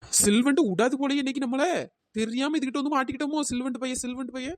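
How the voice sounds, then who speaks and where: Woman voicing cartoon auntie, scolding, dismissive, high-pitched, quick. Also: fairly even intonation, lightly acted. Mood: mocking. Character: scolding older village woman who sold the ring.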